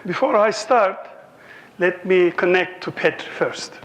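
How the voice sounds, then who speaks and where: Man, 60s, Turkish accent, high pitch, conference lecture, humorous storytelling. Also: measured pace, fairly bright tone. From Turkey. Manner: joking, anecdotal storytelling. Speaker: professor giving a lecture.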